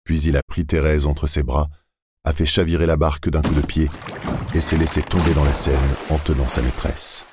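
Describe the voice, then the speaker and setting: A man reading a novel aloud in steady, measured scripted narration. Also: very deep voice, noisy background.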